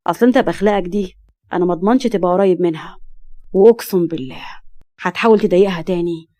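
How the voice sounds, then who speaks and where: A woman's voice: fairly low pitch, rapid-fire, warm tone, natural voice. Woman voicing a stern scolding father. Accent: Egyptian Arabic. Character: stern, angry middle-aged father.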